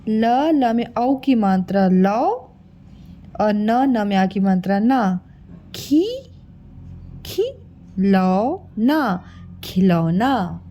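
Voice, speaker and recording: Her voice is mellow and medium in pitch as she teaches children to spell. Drawing out every syllable slowly, she coaxes the listeners and addresses them as children.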